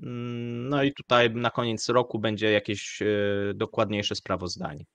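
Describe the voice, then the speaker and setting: A man hosting live economic commentary, speaking in a measured, hesitant way with frequent fillers. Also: on the low side, little pitch movement, a bit bright, no echo. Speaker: show host.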